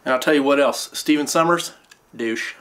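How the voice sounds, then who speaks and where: A man's voice: medium pitch, normal speed, noisy background. Young male actor, brash and crude, a grumbling complainer. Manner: brash, foul-mouthed, grumbling. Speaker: actor on the set. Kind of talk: comedic improvised mockumentary.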